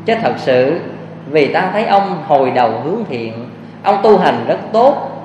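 A man's voice: a little high, expressive, unhurried. A man voicing a compassionate bodhisattva who solemnly admonishes an old man from the sky. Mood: solemn admonishing. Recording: echoey hall, faint hiss.

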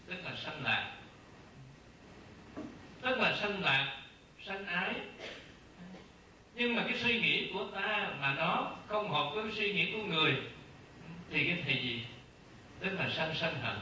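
A man, a Buddhist monk, giving a slow dharma talk, repeating phrases and posing rhetorical questions to his listeners. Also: fairly high pitch, pushed and bright, slight background noise. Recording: very echoey distant room sound, faint ambience.

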